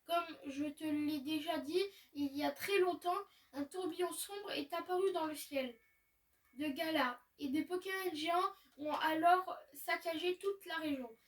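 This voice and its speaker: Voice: very high voice, a little slow, recorded from a distance. A gamer reading aloud the lines of a friendly young female researcher in a video game.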